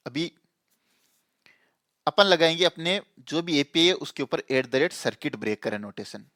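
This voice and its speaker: A man's voice: fairly high pitch, expressive, moderate pace, fairly bright tone, no room sound, studio quality. A man teaching a programming lesson in a casual tone, repeating points and checking that listeners follow. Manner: explains with repetition and frequent checks on the listener. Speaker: programming tutor.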